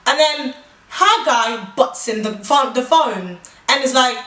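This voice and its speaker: Young woman, bright high register, lively co-host spinning a story, recorded at a distance in an echoey room. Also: measured pace. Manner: animated, acts out quoted lines, laughs often. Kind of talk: casual storytime chat.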